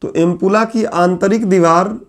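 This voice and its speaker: A male teacher giving a classroom lecture, repeating key phrases slowly so students can write them down. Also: sits high, fairly even intonation. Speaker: exam coaching teacher. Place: classroom with whiteboard.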